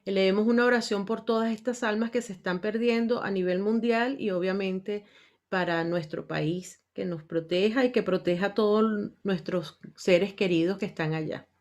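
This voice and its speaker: A woman's voice: mid-range voice, steady tone, moderate pace. Woman host, online panel, casual filler-heavy chat, video-call sound. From Venezuela. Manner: warm, chatty, frequent "este" fillers.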